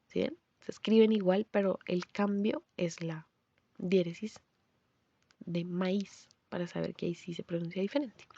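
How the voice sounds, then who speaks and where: A woman giving a scripted pronunciation lesson, explaining clearly and saying example words slowly. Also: on the low side, fairly even intonation, warm tone, no room sound, dull audio. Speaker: language teacher.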